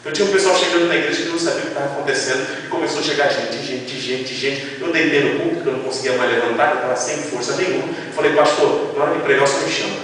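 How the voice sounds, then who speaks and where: A male preacher from Brazil telling a testimony in a sermon, acting out dialogues with lively storytelling. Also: mid-range voice, rapid-fire, few pauses. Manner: animated storytelling, quoting God and people in dialogue. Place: large church. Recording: echoey church hall from far off.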